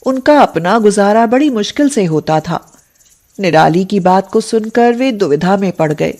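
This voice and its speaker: A woman narrating a scripted cartoon story in a steady, plain manner. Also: medium pitch, normal speed.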